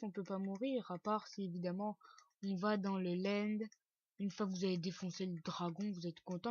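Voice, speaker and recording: A man's voice: high-pitched, husky. A man giving a chatty, joking gameplay building tutorial with casual swearing and lots of fillers. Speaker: video game building tutor. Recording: dull lo-fi dry recording.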